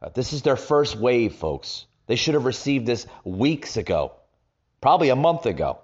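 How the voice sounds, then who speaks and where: A man's voice: medium pitch, sing-song, normal speed, husky. A man hosting a political podcast, ranting with stumbling restarts, recorded with a makeshift setup in a rented vacation home with echo. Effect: echoey room sound. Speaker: podcast host. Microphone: makeshift home setup without his usual equipment. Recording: dull lo-fi, echoey room.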